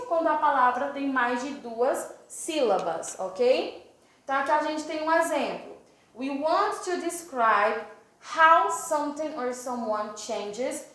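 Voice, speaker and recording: High-voiced Brazilian woman teaching English. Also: fairly bright tone. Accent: Brazilian Portuguese. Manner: explains step by step, reads English examples slowly. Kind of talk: online grammar lesson. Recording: very echoey room.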